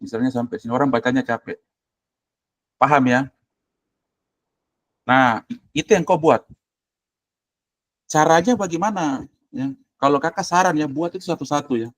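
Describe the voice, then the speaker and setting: A man's voice: a little high, normal speed, pauses often, no room sound. A man, a university lecturer giving blunt, casual instructions while working through a shared screen on a video call. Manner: blunt, directive, colloquial, thinking aloud while clicking. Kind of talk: informal screen-share tutoring.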